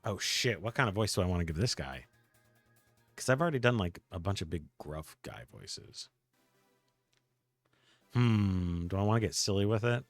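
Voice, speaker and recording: A male streamer chatting over a game in a lowish voice that jumps around a lot, casual and quick to curse. The sound is close and dry, with faint game music underneath. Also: very animated, no echo. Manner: swearing, laughing asides.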